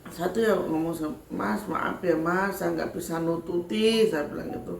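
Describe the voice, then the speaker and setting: A chatty woman with a Javanese accent tells her viewers a story the way a spiritual medium would, circling back with little filler tags. Her voice has a gravelly edge. She is recorded in an echoey room with faint ambience behind her. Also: lowish voice, moderate pace, slight background noise. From Sragen, Central Java, Indonesia.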